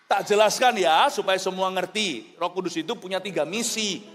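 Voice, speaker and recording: High, animated pastor preaching in a reverberant hall. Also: male voice, normal speed. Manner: animated, jokey, asks the crowd questions. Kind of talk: lively sermon to a congregation. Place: large church hall. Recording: long hall reverb, faint music.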